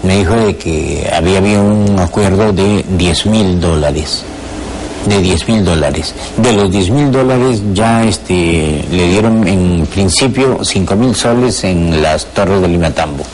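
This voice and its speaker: A deep, slightly mellow voice at a measured pace belongs to a middle-aged man with a Peruvian Spanish accent, a former lawyer interviewed in a TV studio. His speech is hesitant, full of fillers and repetitions, and there's a little hiss or hum.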